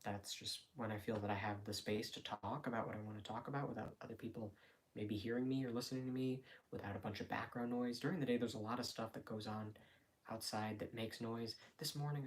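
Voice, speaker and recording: A man talking casually and quietly on a late-night livestream from home, in a hesitant, rambling, reflective way. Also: medium pitch, steady tone, fast, poor audio. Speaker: live streamer. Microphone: phone.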